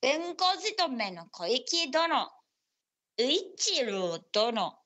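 Bright, high-pitched eager ninja retainer, played by a woman. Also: very animated, extremely slow, heavily acted. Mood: bright, presenting. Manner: archaic, deferential samurai-era speech. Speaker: radio show co-host. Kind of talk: in-character radio hosting.

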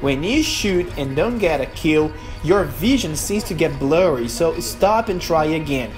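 Music plays under a young Brazilian man narrating a gameplay tutorial in English, his second language, with a Brazilian Portuguese accent and non-native phrasing. He's a gaming YouTuber whose fairly high voice moves with lively intonation, a little slow, in an earnest, emphatic way.

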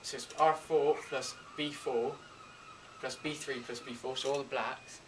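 A young man in his teens giving an informal, halting step-by-step card trick tutorial in amateur magician patter. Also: mid-range voice, fairly even intonation, noisy background. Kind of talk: informal step-by-step demonstration and explanation. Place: indoors at a table and whiteboard.

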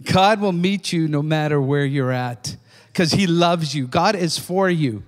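A man's voice: a little high, unhurried. An older man preaching a sermon in a church, fervent and calling out "amen?" to his listeners. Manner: fervent, repeats "amen?" to the congregation. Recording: long reverb of a church hall.

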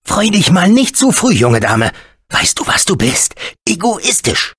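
Rambly robot sidekick, husky, pitch jumping around. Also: male voice, slow pace, dry recording, exaggerated voice. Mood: resentful. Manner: rambling, excitable. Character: chatty nervous male robot sidekick. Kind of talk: video game dubbing.

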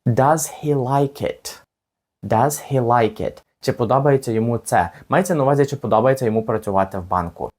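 A man teaching a language lesson step by step, patiently saying each phrase slowly and repeating it for the learner. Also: mid-range voice, a little mellow.

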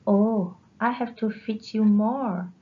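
A woman's voice: mid-range voice, takes it slowly, slight background noise, close to an everyday voice. A woman voicing a cackling, cunning old witch with a sly, wheedling manner, in a dull lo-fi recording. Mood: coaxing.

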